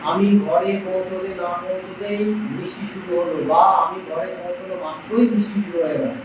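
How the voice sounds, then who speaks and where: A man teaching an English grammar class in a classroom, firing questions at students and dictating slowly. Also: high voice, steady tone. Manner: quizzes students with repeated questions, slow dictation. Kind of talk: classroom lecture in Bengali. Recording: echoey dull classroom recording from far off, noisy.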